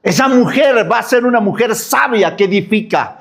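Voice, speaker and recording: A man's voice: sits high, lively intonation, normal speed, fairly bright tone. A man preaching a sermon as pastor, full of rhetorical questions.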